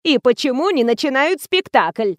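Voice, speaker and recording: A woman's voice: high-pitched, animated, normal speed, no room sound, studio quality, pitched above the performer's own voice. A woman voicing a half-deaf, muddled old actress who pleads and fusses in a cracked, wheezing voice, in an audiobook. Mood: bewildered.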